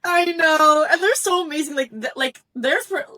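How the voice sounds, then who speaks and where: A young woman designer, a guest on an interview show, telling stories in a bubbly, animated way and acting out what people said. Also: high voice, moderate pace, distant mic. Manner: bubbly, animated storytelling, acts out quotes. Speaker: eliminated fashion designer guest. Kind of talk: casual interview chat.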